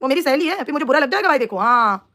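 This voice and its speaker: A woman's voice: high voice, animated, very fast, sharp tone. A young woman chatting on a live stream, teasing and mocking rivals while talking to her viewers. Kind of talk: casual live stream chat.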